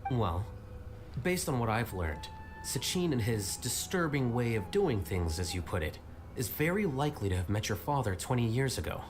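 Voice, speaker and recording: A man's voice: medium pitch, sing-song, moderate pace, natural voice. An actor playing an aloof, coolly sardonic male scholar in a video game, with dry, formal, detached delivery. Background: game music.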